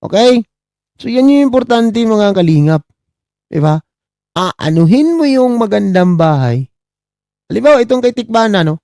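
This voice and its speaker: A middle-aged man from the Philippines doing casual live-stream commentary, his voice high-pitched but dark and mellow in tone. He mocks his subjects, keeps asking "di ba?" and gives shout-outs to viewers. The sound is dry and close, with no room echo. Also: sing-song, moderate pace, long pauses. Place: abroad, talking on a live stream.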